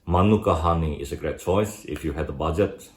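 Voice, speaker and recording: Very deep-voiced Indonesian-accented man. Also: a little fast. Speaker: YouTube host. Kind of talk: scripted advice video narration. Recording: roomy indoor echo.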